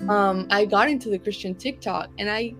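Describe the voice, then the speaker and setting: A woman's voice: medium pitch, moderate pace, fairly bright tone, faint music behind. A woman from Argentina, a youth pastor speaking as a guest in a candid, joking way. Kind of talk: interview conversation.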